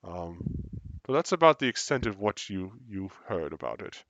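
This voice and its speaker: A man's voice: deep voice, sing-song, moderate pace, fairly bright tone, slight background noise. Hesitant man running a tabletop game. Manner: hesitant, filler-heavy narration. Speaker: game master.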